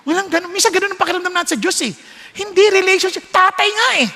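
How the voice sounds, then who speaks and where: A man preaching a sermon, storytelling with lively switches between Tagalog and English and acting out voices. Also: very high-pitched, very fast. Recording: long hall reverb.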